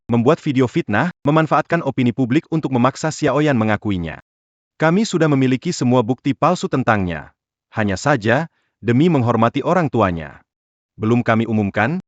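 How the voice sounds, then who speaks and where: A man's voice: medium pitch, animated, a little fast, no echo, dull audio, natural voice. A man playing a groom's loyal aide in a dubbed melodrama, accusing in a stern, emphatic way.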